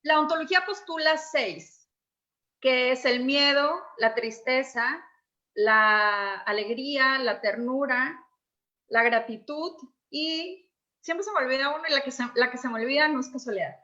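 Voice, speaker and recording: Woman coach, expressive explainer, high bright voice. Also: unhurried, highs cut off. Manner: expressive, reenacts dialogue. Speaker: emotions coach. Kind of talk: conversational explanation.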